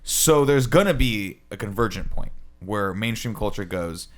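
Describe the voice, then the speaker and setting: On a laid-back panel podcast, an American man in his thirties sets up his topic, explaining earnestly and asking questions as he rambles. His fairly low voice is animated and moves at a normal speed.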